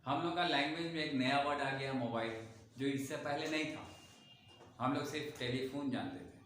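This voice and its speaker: A man's voice: fairly high pitch, a bit bright, very echoey, a little hiss or hum. A man teaching a spoken English lesson in Hindi, explaining step by step as he writes on a board and speaks straight to his learners.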